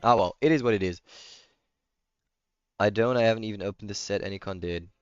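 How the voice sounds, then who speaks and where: On a late gaming livestream, a German man with a German accent answers chat casually through a close, slightly muffled mic, his voice clean. He speaks briskly in a lowish, clear, resonant voice. The recording is dry, with faint music in the background.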